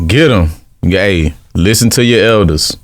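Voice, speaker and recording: A man's voice: lowish voice, unhurried. A man giving his views in a casual group debate. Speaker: panel speaker.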